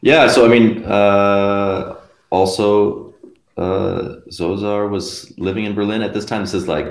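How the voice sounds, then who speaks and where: A young Canadian man, a guest musician, chats casually in an interview, rambling with lots of fillers and laughing between phrases. His voice is fairly low and creaky, slow, with fairly even intonation. The room sounds roomy and echoey.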